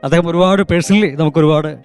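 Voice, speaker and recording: Male guest, quick and earnest storyteller. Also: on the high side, clean tone, faint music behind. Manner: earnest, fast, anecdotal with fillers. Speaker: mimicry artist guest. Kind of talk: casual chat on a stage show.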